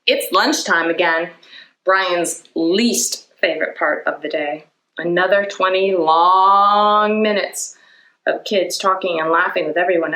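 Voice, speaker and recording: A woman with a lowish, pushed and bright voice hosts a children's storytime, reading aloud and explaining things simply to young listeners. She often puts questions to them, and the recording is rough.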